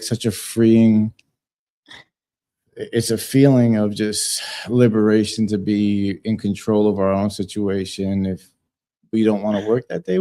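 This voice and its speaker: A man born in South America and raised in Puerto Rico speaks as a guest on a radio show. His low, dark voice is laid-back, with many pauses and fillers. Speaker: guest, business owner. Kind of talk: casual interview.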